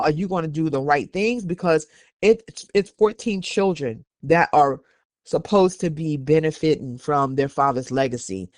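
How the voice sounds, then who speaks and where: A man with a fairly high voice and an American accent hosts a podcast, sharing strong opinions in an emphatic, admonishing way. He repeats phrases to drive his points home, and the recording is dry and studio quality.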